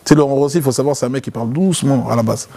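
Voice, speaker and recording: A man, a guest in a casual interview, telling a story in an animated way. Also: very fast, gravelly, noisy background. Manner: animated, acts out quotes in a loud high voice.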